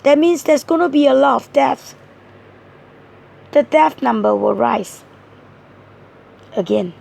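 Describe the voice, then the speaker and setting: Going card by card with earnest care, a tarot reader talks through her spread. She has a high, hoarse, breathy voice full of gravelly fry, with lively intonation, a slow pace, and a rather dark tone.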